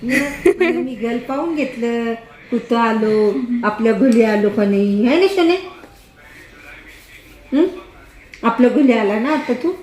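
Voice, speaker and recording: A woman's voice: a little high, expressive, slow pace, long pauses, darkish tone. An older woman, a grandmother, teasing her grandson in playful, laughing baby talk in a casual family chat at home. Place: indoors at home. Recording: echoey room with faint noise.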